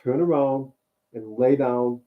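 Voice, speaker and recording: A man in a relaxed co-host chat, rambling and easygoing and often circling back on his words. His voice sits at an ordinary middle pitch. The sound is thin and tinny, like a phone line. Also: takes it slowly. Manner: easygoing, rambling, repeats himself. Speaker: co-host and mechanic. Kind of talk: casual chat.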